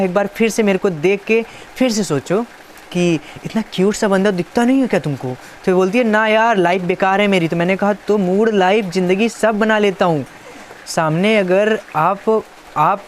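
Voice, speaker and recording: Reading his chat out loud, a male YouTuber with a high voice keeps things casual and adds teasing, playful remarks. A little background noise can be heard.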